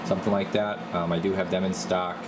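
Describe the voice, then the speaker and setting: Speaking fast with little pitch movement, a low-voiced man talks through heavy background noise. As a radio repair technician and video host, he gives a casual, rambling how-to demonstration of a hands-on job.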